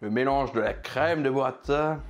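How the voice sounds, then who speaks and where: A man's voice: mid-range voice, moderate pace, soft background music. A man reviewing pizzas for his food vlog, chatting casually and joking while he eats. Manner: chatty, jokey, eating while talking. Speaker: food vlogger.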